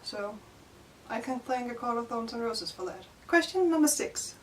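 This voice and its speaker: This young Danish woman is a shy, hesitant book vlogger answering tag questions in a casual vlog, her speech full of fillers like "like" and "you know." Her voice is on the high side and expressive, at a moderate pace, with a Danish accent. The mic sits a little back and the audio is poor, with a faint hiss.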